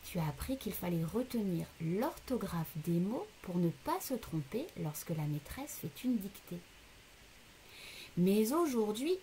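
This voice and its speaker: A primary school teacher gives a recorded lesson to young children, speaking to the child directly and patiently splitting words into syllables. Her voice is on the high side with a darkish tone, and there's a little hiss or hum.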